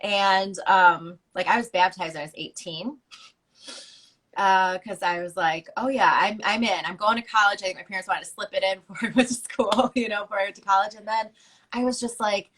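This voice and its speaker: A woman's voice: mid-range voice, fairly even intonation, brisk, a bit bright. A young woman guest telling her story in a candid, chatty way on a casual live-stream interview. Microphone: video call.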